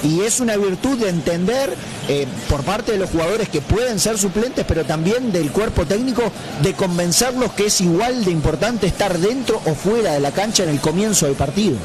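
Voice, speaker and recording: A man's voice: high voice, lively intonation, normal speed, background noise. A man commentating on football on the radio, talking hesitantly with many fillers. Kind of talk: radio sports talk.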